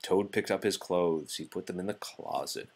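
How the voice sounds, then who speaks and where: A man reading a children's story aloud to a child in an animated narrating style. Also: low-pitched, normal speed, creaky, husky. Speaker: storybook reader.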